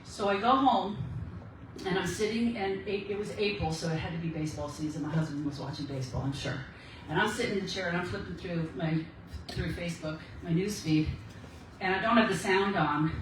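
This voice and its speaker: Her voice on the low side, a woman speaking at a women's ministry meeting recounts her testimony conversationally, acting out the quoted exchanges. The recording comes from a distance in an echoey meeting room, with a noisy background.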